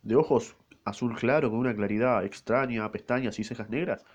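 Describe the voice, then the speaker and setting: A man with an Argentine accent voicing a phlegmatic, gloomy musketeer, speaking in a slow, measured way. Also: mid-range voice, close to an everyday voice. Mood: grave. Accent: Argentine Rioplatense Spanish. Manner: measured, often slowed.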